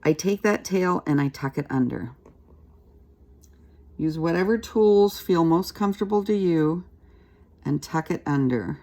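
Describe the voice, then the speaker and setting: Gravelly-voiced woman teaching a craft. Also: fairly low pitch, unhurried, long pauses. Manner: chatty, relaxed, talks while working with her hands. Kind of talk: casual craft tutorial.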